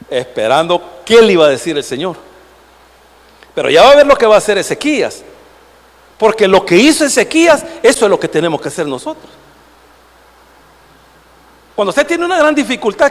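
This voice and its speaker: A man delivers a sermon in a church, his high voice rising and falling as he puts questions to the congregation. His voice swings widely in pitch. A long reverb from the sanctuary trails every phrase. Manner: animated preaching, rhetorical questions to the congregation. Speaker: pastor.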